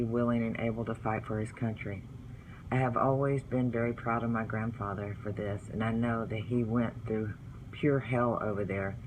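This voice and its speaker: A man's voice: medium pitch, a little hiss or hum, rough recording. Earnest man telling family stories. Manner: earnest, heartfelt, religious storytelling. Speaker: vlogger. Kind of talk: storytelling vlog, partly read from a book.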